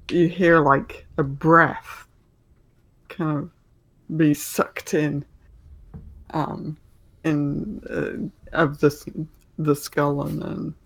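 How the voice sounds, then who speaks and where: A man runs a tabletop game with improvised narration. His voice is gravelly and he talks slowly and haltingly, feeling for each word. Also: fairly high pitch, a bit bright, rough recording. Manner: halting, searching for words. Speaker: game master.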